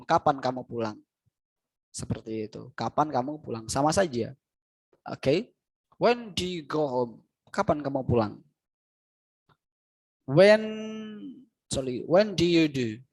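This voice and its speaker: A man with an Indonesian accent teaching English question words in a casual video lesson, saying example sentences slowly and telling chatty stories. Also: a little high, poor audio. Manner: slow, deliberate English examples, chatty anecdotes with laughs.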